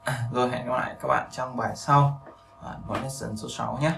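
A man with a Vietnamese accent leads a beginner English lesson and drills phrases by repeating them slowly. His voice is bright and forceful. It echoes through the room and sits some way back from the mic. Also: mid-range voice, steady tone, gravelly, far from the mic, slight background noise. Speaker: English teacher.

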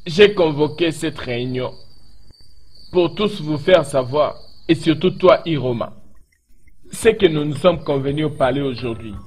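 A man's voice: on the high side, expressive, a little slow, darkish tone, breathy edge. An actor dubbing a dignified father who formally announces his daughter's engagement. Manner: formal, deferential. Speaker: bride's father. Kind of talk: dubbed film acting.

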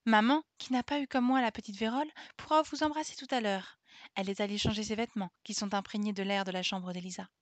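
A woman voicing a lively, caring little girl in an audiobook, with a high, excited way of calling out. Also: fast talker, dry recording, natural voice. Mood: chatty. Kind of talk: audiobook character reading.

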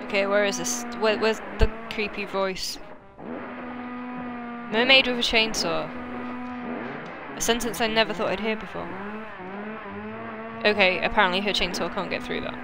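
A woman giving casual live gameplay commentary, chatty and excitable, thinking aloud as she plays. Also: medium pitch, moderate pace, pauses often. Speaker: game streamer. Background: loud game music.

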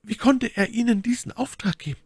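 A woman's voice: fairly high pitch, animated, a little fast, a little mellow, husky, dry recording, clean studio sound, pitched above the performer's own voice. A man voicing a scheming noblewoman prisoner, talking in a breathless, theatrical, pleading way. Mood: anxious, probing.

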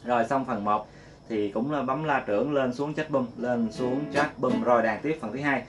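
Male guitar teacher, mid pitch, casual and chatty, loud guitar underneath. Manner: sings note names slowly between quick explanations. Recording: loud guitar playing along.

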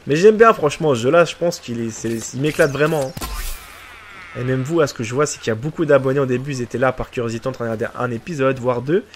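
A man in the middle of his range narrates his own gameplay, excitable and quick to tease the enemy players. He talks straight to his viewers in a loose, chatty way. A faint hiss sits under the voice. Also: medium pitch. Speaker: gaming video creator. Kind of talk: let's play commentary.

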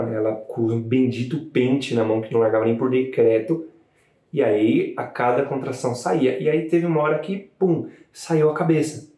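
Mellow-voiced man recounting a birth, casual and animated, roomy echo on the mic. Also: medium pitch. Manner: chatty, animated retelling with frequent "né" tags. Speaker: new father telling his partner's birth story. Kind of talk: casual storytelling to camera.

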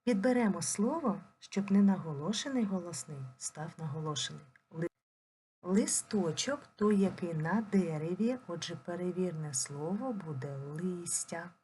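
A woman teaching a primary school language lesson, dictating slowly and clearly and drawing words out syllable by syllable. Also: lowish voice, mellow, slight background noise. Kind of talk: recorded online lesson.

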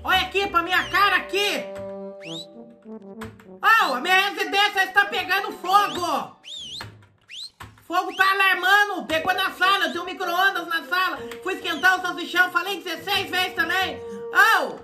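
A man voicing a panicked, whiny man in a role-play game who pleads and shouts for help because his house is on fire. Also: extremely high pitch, moderate pace, music in the background. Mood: indignant. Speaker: streamer playing a role-play game character.

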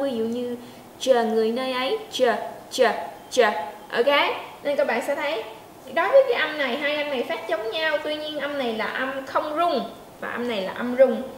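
A woman teaches pronunciation, breaking sounds down slowly and asking her learners if they follow. Her voice rings in an echoey room with a faint hum behind it. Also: high voice. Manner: demonstrates sounds slowly, asks learners to check in. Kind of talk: pronunciation lesson.

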